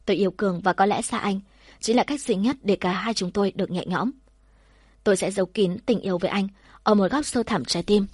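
A woman narrating a first-person story in a soft, measured, heartfelt way. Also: medium pitch, slightly rough, dry recording, clean studio sound.

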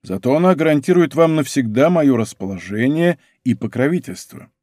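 A man voicing a powerful minister in a historical audiobook, speaking slowly and with deep emotion. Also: lively intonation, darkish tone, no echo, studio quality, natural voice. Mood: commanding. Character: powerful male minister, passionate and anxious.

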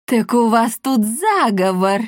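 A woman voicing a greedy, bossy old woman villain who screeches and shouts orders in a storybook reading. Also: medium pitch, unhurried, no echo, clean studio sound, close to an everyday voice. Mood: furious.

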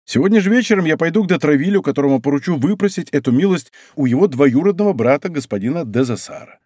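A man's voice: a little high, animated, fast, a little mellow, breathy edge, no echo, clean studio sound. A man doing a fiery young nobleman. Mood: eager. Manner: eager, exclamatory, raised voice. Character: ardent young male Gascon nobleman, bold and impulsive. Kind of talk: audiobook character reading.

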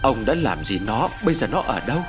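A man voicing a frantic, grieving old peasant mother, with shrill, wailing pleas. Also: sing-song, fairly quick, over music. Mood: distraught.

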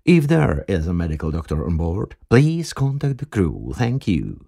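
A man's voice: low voice, wildly swooping pitch, vocal fry, warm tone, slightly rough, no echo, studio quality, voice pushed down, full character voice. A man voicing a polite female flight attendant making formal announcements. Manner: formal, polite, speaks English.

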